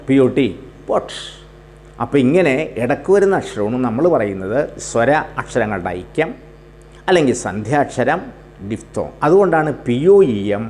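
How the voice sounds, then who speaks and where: A man's voice: medium pitch, a little mellow. A man teaching grammar and pronunciation in his words. He explains patiently, spells words out letter by letter and repeats them. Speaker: English teacher. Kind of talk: spoken English grammar lesson.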